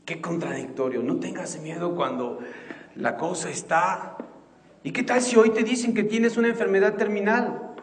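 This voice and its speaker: A middle-aged man preaching a sermon, slow and emphatic, swinging between soft and loud passages. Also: high-pitched, a little hiss or hum. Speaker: pastor. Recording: echoey reverberant church hall.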